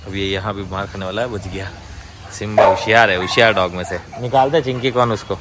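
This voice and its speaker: A man working as a dog trainer talks casually to the camera at a dog hostel, often breaking off to shout firm orders and gentle coaxing at the dogs. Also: on the low side, steady tone, fast talker, very noisy. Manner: commanding and coaxing dogs, often rising sharply.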